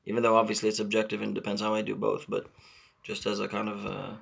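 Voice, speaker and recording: Casual stream host, male, 30s, from Israel; slightly low, bright voice, halting and filler-heavy. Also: monotone, creaky, breathy edge. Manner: halting, repeats words, many fillers. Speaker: channel host. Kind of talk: casual live-stream chat, reading comments.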